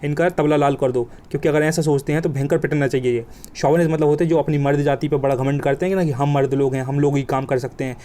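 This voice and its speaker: Fast-talking vocabulary teacher, man. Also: on the high side, fairly even intonation, mellow. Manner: colloquial, joking, emphatic with vivid examples. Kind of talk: exam coaching lesson.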